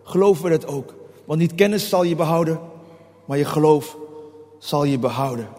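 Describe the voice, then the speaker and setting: Man, preacher, sermon, high voice, impassioned, reverberant hall. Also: moderate pace, darkish tone. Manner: impassioned, acts out prayers in a raised pleading voice.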